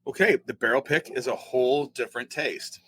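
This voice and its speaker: A man co-hosting a casual whiskey tasting podcast, quick and wry with teasing remarks. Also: medium pitch, sharp tone, slightly rough, no room sound. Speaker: podcast co-host.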